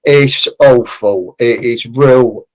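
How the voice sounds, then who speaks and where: A man gives a blunt, passionate account in a podcast interview. His voice sits at a middle pitch and he acts out other people's lines as he goes. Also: slow, rough recording. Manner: animated, acts out quoted people. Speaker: construction consultant guest.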